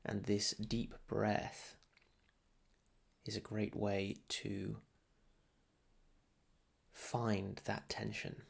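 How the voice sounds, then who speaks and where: In a deep voice with a creaky, fried edge, a man guides a meditation. He speaks very slowly and soothingly, offering short phrases separated by long pauses, calmly instructing like a teacher leading practice.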